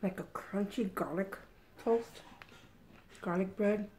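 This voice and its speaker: A woman's voice: mid-range voice, slow pace, a little mellow, slight background noise. A middle-aged woman hosting an eating show, chatting casually while she eats at home. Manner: chatty, eats and talks with mouth full.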